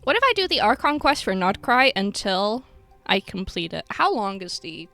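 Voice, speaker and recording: A woman's voice: medium pitch, very animated, moderate pace, bright, forceful tone, faint music behind. A woman streaming live, chatting casually to her chat and teasing herself with frequent giggles.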